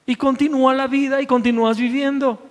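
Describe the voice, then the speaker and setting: High-voiced preaching man in echoing hall. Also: level tone, brisk. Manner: emphatic preaching, repeats key phrases, swings between loud and hushed. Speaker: pastor. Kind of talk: sermon. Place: church sanctuary. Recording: long hall reverb.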